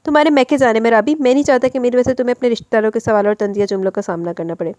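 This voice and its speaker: A cold, wealthy older husband from a romance audiobook speaks in short, dry, dismissive lines, as a woman narrator reads him out. The voice sits fairly high and moves along quickly. The sound is close and dry, with no room around it. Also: darkish tone, no room sound, natural voice.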